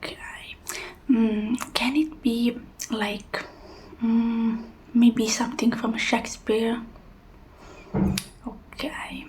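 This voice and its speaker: A woman in a whispered role-play as a helpful librarian, speaking in a hushed, breathy whisper. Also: a little high, flat delivery, very slow, pauses often, a little hiss or hum. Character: helpful soft-spoken female librarian suggesting books.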